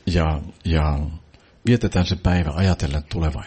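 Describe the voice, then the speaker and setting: A man preaching and leading prayer in short phrases, pausing after each for an interpreter. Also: low-pitched, fairly even intonation, a little mellow, breathy edge. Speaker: pastor. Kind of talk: sermon and spoken prayer.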